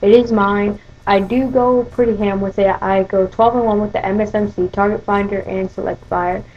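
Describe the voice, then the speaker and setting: A woman's voice: mid-range voice, steady tone, moderate pace, lo-fi sound, a little hiss or hum. A teenage-sounding woman telling a story casually over gameplay, rambling with many fillers and restarts. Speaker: gaming video host.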